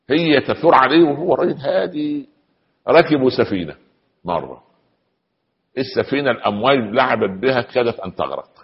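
A man with an Egyptian accent preaching a sermon, emphatic, with rhetorical questions and sudden rises in pitch. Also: husky. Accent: Egyptian Arabic. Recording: dull sound, long hall reverb.

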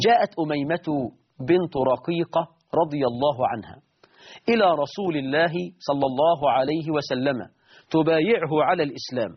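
A man preaching a sermon in an Egyptian Arabic accent, emphatic, rising sharply on key words and slowing down to stress lists. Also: fairly high pitch, slightly rough, muffled recording.

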